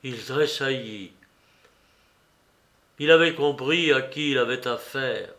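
Slow, bright-voiced male narrator. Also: medium pitch. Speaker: audiobook narrator. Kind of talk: scripted narration of a classic novel.

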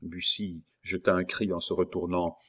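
A man reading a classic novel aloud as an audiobook narrator, steady and measured. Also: low-pitched, slightly rough.

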